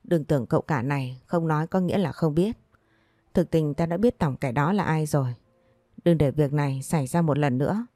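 A woman's voice: low-pitched, a little fast, dark tone, no echo, studio quality. A woman voicing a cold, stern young master, a male doctor, speaking in a curt, commanding way. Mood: threatening.

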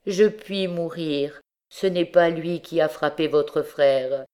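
Lady doing a dying mum in an audiobook, slow solemn and weak, low voice. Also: mellow.

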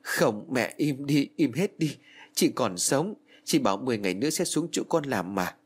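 A man's voice: medium pitch, animated, normal speed, pitched above the performer's own voice, natural voice. A man voicing a grieving young woman, the youngest sister, pleading insistently in an audiobook. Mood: frantic. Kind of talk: audiobook narration.

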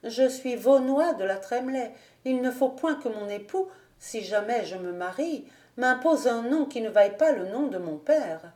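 A woman reading a novel aloud, voicing a proud young noblewoman in a slightly higher voice, haughty and controlled. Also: expressive, measured pace, few pauses, darkish tone, recorded from a distance. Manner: controlled, haughty, restraining tears. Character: proud young noblewoman hiding her heartbreak. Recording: roomy home recording.

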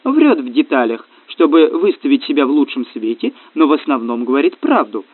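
A man reading an audiobook, voicing a domineering, scheming woman with a crisp, cutting, mocking delivery. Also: mid-range voice, sing-song, fairly quick, dry recording. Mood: cold commanding. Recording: tinny phone-like, dry.

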